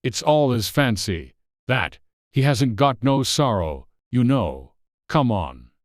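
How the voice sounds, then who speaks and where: A man voicing an amused, gruff, uneducated griffin with offhand, ungrammatical speech for a dramatized audiobook. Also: mid-range voice, big pitch swings, slow, dry recording, clean studio sound. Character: gruff, amused, rustic male griffin creature.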